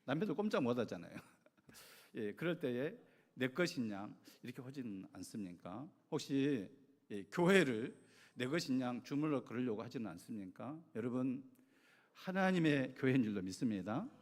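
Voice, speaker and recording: A middle-aged male pastor giving a sermon, telling a story with lively acted-out quotes. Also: mid-range voice, moderate pace. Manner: animated storytelling, acting out voices in quotes. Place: church sanctuary. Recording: long church hall reverb.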